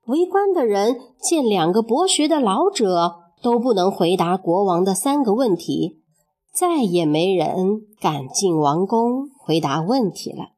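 A woman narrating a children's story in an expressive, measured storytelling manner. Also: medium pitch.

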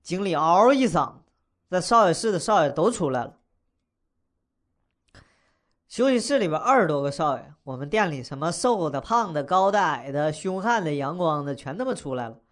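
A man's voice: a little high, animated, fairly quick. A young man telling a funny personal story in a casual, slangy, wisecracking way, chuckling as he goes.

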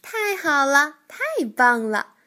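A woman voicing an excitable young male frog in a children's storybook, shrill and gushing. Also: a little slow. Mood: excited. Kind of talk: storybook reading.

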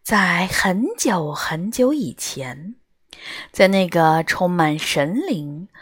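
A woman narrating a children's story in the first person, with an expressive, animated reading. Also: lowish voice, takes it slowly, husky.

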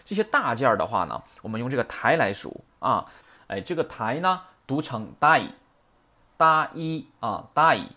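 A man's voice: mid-range voice, sing-song, normal speed, pushed and bright. A man teaching Japanese grammar in a chatty lecture, often asking rhetorical questions. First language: Mandarin.

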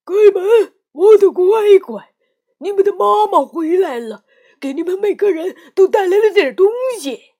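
A woman voicing a sly, hungry male wolf who pretends to be a mother goat, calling out loudly in a wheedling sing-song. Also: very high voice, lively intonation, unhurried, pitched above the performer's own voice, full character voice. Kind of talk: children's story reading.

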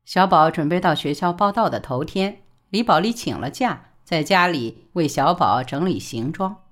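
A woman narrating a novel audiobook in an expressive, dramatic storytelling manner. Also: deep voice, moderate pace.

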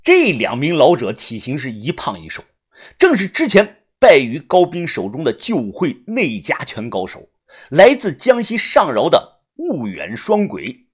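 A man narrating a first-person novel as an audiobook, in a lively, punchy storytelling delivery. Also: on the high side, unhurried, breathy edge.

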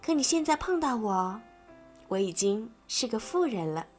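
A woman voicing a kind, patient fairy who becomes a mother figure in a bedtime story, in a gentle way. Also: fairly high pitch, sing-song, normal speed, soft background music.

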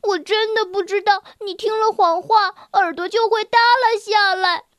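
A woman reading a storybook voices a playful young frog boy who loves to tease and giggle, using a bright, very high voice. He drawls his words slowly in an expressive, teasing, giggly way, yet sounds concerned. The recording is close and dry, with no room sound.

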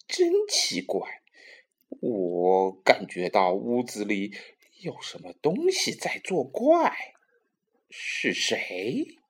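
A raspy, gravelly old witch. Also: rumbling low, wildly swooping pitch, drawn-out words, pitched below the performer's own voice, exaggerated voice. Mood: suspicious. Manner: sinister, snarling. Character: cackling spiteful old witch woman. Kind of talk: children's storybook reading.

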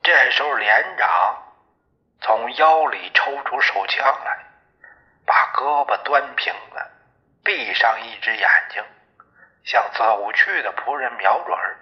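A man narrating a novel in the first person, in a measured storytelling manner. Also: mid-range voice, highs cut off. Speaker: audiobook narrator.

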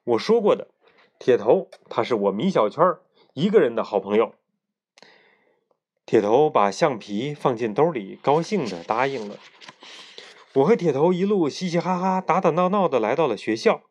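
A man reading a children's story aloud to a child at bedtime, in a lively, expressive way. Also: medium pitch, normal speed, highs cut off.

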